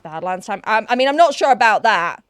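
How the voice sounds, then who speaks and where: In studio-quality audio with a clean tone and no echo, a young Yorkshire woman chats fairly quickly in a mid-range voice full of lively intonation. She's streaming an online game and thinking aloud, accent Yorkshire English with Newcastle traces, self-deprecating and prone to restarts.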